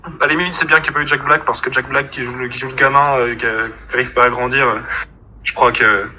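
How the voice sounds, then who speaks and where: A man's voice: mid-range voice, steady tone, fast, sharp tone, low-quality recording. A man chatting as a podcast panelist, hesitant and full of fillers. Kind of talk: casual podcast chat.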